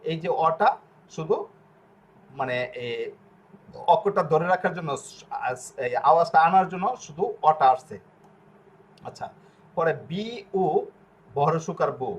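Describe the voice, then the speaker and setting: A man's voice: on the high side, a little slow, long pauses. A man teaching pronunciation step by step, patiently repeating syllables and asking checking questions. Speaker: language teacher.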